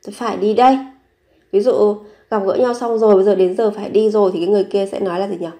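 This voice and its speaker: A woman who teaches Korean phrases, repeating each one slowly and then explaining it. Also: medium pitch, steady tone, dark tone. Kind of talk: bilingual language lesson.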